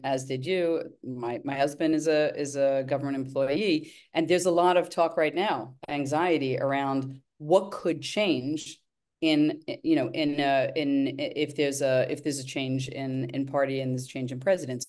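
A woman's voice: sits low, darkish tone. Thoughtful woman interviewer. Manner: thoughtful, with frequent restarts. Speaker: host. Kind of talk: conversational interview.

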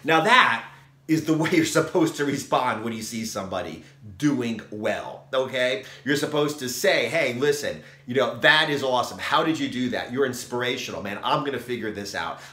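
A fitness vlogger in his forties speaks to the camera in a small room against a plain grey backdrop, giving a blunt, emphatic motivational talk. His medium-pitched voice is animated, pushed and bright at normal speed, with reverb, and he keeps repeating "okay?".

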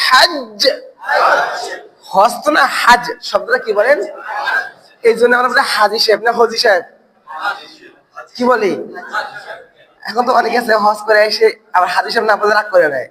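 A man's voice: high-pitched, brisk, pauses often, crowd noise, rough recording. A man teaching an online Quran recitation class. He asks the learners questions, answers them himself and repeats words over and over to drill the pronunciation.

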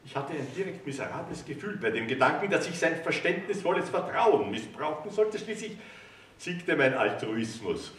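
A man reading a cabaret story in a wry, lively storytelling manner. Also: a little high, normal speed, slight background noise. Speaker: reader. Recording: roomy hall, distant mic.

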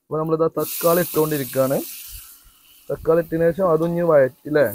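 A man's voice: on the high side, steady tone, fast, a little mellow. A man doing casual vlog narration outdoors behind a house, chatty and talking straight to viewers with teasing asides. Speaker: family vlogger cooking.

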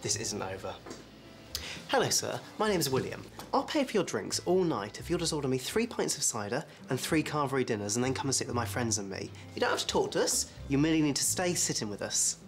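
A teenage boy speaks with stiff, pompous formality, his pitch swinging widely. Faint music sits under the dialogue of this scripted sitcom. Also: very animated, brisk. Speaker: schoolboy character.

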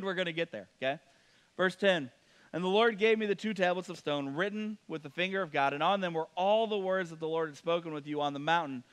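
Joking pastor with a smooth, high voice. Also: male voice, fairly bright tone. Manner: playful, joking asides to the congregation. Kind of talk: sermon. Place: church.

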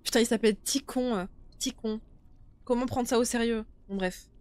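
A young woman giving casual, informal live commentary on a horror game, chatty and quick to swear. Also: fairly high pitch, fairly even intonation, a little mellow, clean tone. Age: young adult. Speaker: game streamer. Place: small indoor streaming room. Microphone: close desktop streaming microphone.

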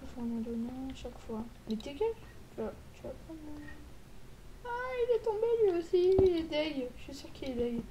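A woman giving playful, joking commentary while playing a video game, with excitable outbursts. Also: high-pitched, brisk. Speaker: gaming YouTuber. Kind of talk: casual gameplay commentary. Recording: loud background noise.

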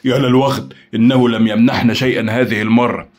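A man's voice: mid-range voice, fairly even intonation, quick pace, a little mellow, close to an everyday voice. A man voicing an irritable, sarcastic teammate. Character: hot-tempered male team member, sarcastic. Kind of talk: audio drama acting.

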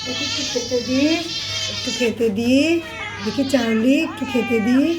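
A woman with a high but hoarse, worn voice coos at her cats in soft, repetitive baby talk. She keeps calling them over and fussing over them. The recording is noisy, with a steady hiss behind her. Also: moderate pace. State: hoarse, voice partly lost. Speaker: cat caretaker vlogger.

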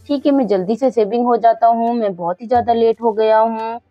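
A woman voicing a young husband who cries loudly for help after cutting himself shaving, in a doll story. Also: fairly high pitch, brisk, no echo, lo-fi sound, faint music behind, natural voice. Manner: loud pained cries for help. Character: panicking young husband with a bleeding shaving cut.

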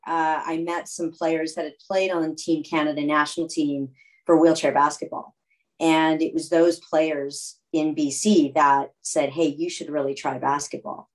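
Relaxed low-voiced woman in her thirties, guest on a video call from home. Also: low-quality recording. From California, United States. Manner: relaxed, rambling, with fillers and restarts. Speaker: guest, athlete. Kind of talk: casual video call interview. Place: home room.

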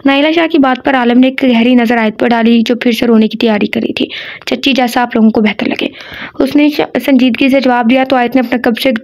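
A woman's voice: on the high side, fairly quick, hardly any pauses, darkish tone. A woman reading an audio novel aloud, breaking off now and then for chatty asides to her listeners.

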